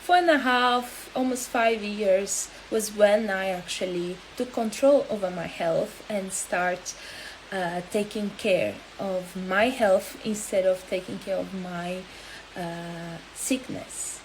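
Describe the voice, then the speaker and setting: Woman in her 30s, talks real slow and halting on a live stream, faint hiss behind. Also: mid-range voice, low-quality recording. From Angola. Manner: halting and hesitant, with many pauses. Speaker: health coach.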